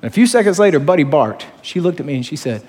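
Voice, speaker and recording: A man preaching a sermon as pastor, telling stories in a conversational, animated way to his congregation. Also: on the high side, fast talker. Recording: long hall reverb.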